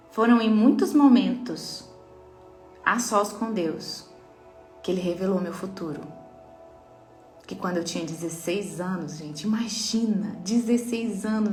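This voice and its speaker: Speaking with a Brazilian Portuguese accent and a fairly high pitch, a woman mentor gives an inspirational faith talk directly to her listeners, earnest and emphatic. The room is echoey, with faint music.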